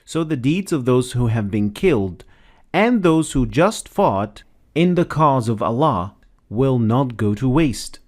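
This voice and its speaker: A man narrating a scripted educational explainer in a measured, explanatory way. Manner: measured, explanatory, lively pitch.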